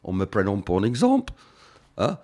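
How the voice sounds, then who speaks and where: English man, deep low voice, French with English accent, hesitant interview guest. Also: wildly swooping pitch, darkish tone. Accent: English, speaking French. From England. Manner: halting, many fillers and restarts. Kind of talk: radio interview.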